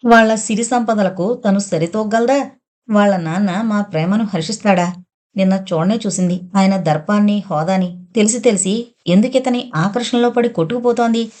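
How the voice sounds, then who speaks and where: A woman narrating a romantic novel in an even, measured storytelling voice. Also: mid-range voice. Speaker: audiobook narrator.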